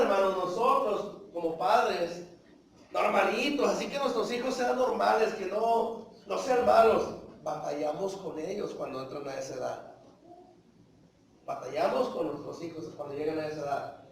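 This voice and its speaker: A man's voice: high-pitched, normal speed, creaky, slight background noise. A man preaching a sermon, calling his listeners brothers, asking rhetorical questions and acting out little dialogues. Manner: acts out short dialogues in voices. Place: church hall. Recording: echoey hall, voice from far off.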